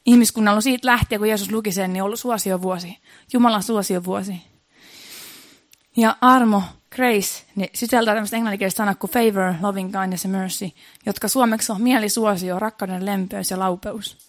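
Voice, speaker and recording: A woman's voice: medium pitch, fairly even intonation, dry recording, studio quality. A woman preaching a sermon in an earnest, repetitive way, building emphasis as she goes.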